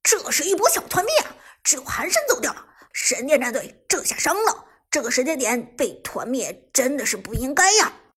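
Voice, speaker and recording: Give me an excitable young male esports commentator read by a woman, rattling off calls in a rushed, breathy near-whisper. His voice sits high and airy. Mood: frantic.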